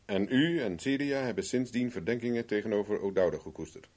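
In a 1970s radio play, a male actor with a Netherlands Dutch accent portrays a shrewd, confident private eye in a measured, persuasive, knowing way. His lowish voice has a darkish tone and is lightly acted, carrying a probing mood.

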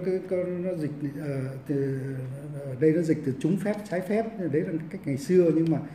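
A Buddhist monk teaches monastic discipline, stumbling through repeated fillers as he goes. His man's voice sits a bit high yet sounds very mellow and dark. The room is echoey and the mic is set some distance away. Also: slight background noise. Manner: halting, with many repeated fillers and restarts. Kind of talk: Dharma lecture. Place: monastery hall. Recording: roomy echo, mic at a distance.

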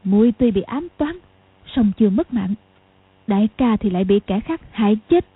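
A woman's voice: mid-range voice, animated, moderate pace, husky. A woman voicing a bitter, vengeful crippled old woman with a harsh, scolding manner, for an audiobook. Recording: tinny lo-fi audio.

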